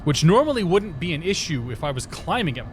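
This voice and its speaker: A man's voice: a little high, big pitch swings, a little fast. Man, livestream headset audio, casual rambling commentary, greets chat, faint background hiss. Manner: rambling and chatty, greets chat viewers by name. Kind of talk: casual commentary while flying a flight simulator.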